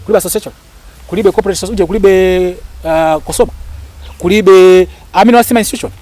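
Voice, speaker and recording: A Malawian actor and lecturer, appearing as an interview guest, argues emphatically, repeats phrases for stress and switches between two languages. His voice sits high with a darkish tone and a quick pace. The recording is dry, with faint background noise.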